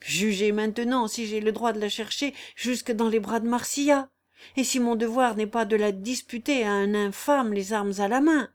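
A woman's voice: on the high side, fairly even intonation, moderate pace, natural voice. A woman reading the lines of an agitated young man in a storybook reading, passionate and tormented. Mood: anguished. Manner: feverish, intense.

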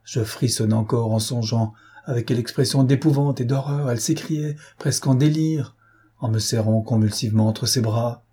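A man's voice: mid-range voice, moderate pace, dark tone, husky, lightly acted. A man voicing a grief-stricken middle-aged father, speaking in anguish. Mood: despairing. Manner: anguished, pleading.

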